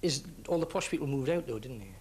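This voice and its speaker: A man hosting a lively TV chat show in a studio, teasing and joking with his guests. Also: mid-range voice, fast talker, slight background noise. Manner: jokey, teasing, playful. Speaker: TV show host. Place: TV studio with audience.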